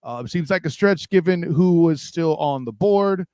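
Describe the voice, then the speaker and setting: Dude cohosting a sports pod, cracks jokes, slightly higher voice, dry mic. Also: male voice, lively intonation, unhurried, mellow, clean tone, no echo. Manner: joking, teasing banter. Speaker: podcast co-host. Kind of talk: casual sports talk.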